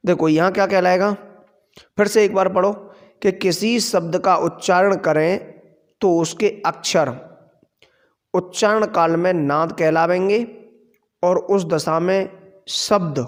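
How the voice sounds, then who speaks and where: A man teaching a grammar lesson, explaining slowly and asking questions that he then answers himself. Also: sits high. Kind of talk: classroom lecture. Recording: long hall reverb.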